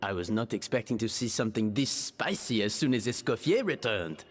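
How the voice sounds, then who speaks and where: A man's voice: fairly low pitch, animated, a little fast, in a large hall, slight background noise, lightly acted. An actor playing a courtly male restaurant patron with a French accent and a theatrical, flamboyant manner.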